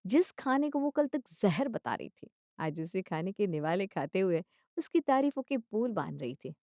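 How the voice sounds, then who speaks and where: A woman narrating a family story in an even, steady storytelling voice. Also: medium pitch, moderate pace, dry recording, studio quality.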